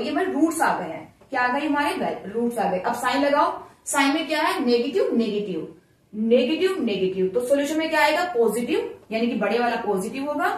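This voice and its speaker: Her voice a little high, a woman works through a maths lesson step by step, stopping to ask her students questions. The room is very echoey and she speaks from well away from the microphone.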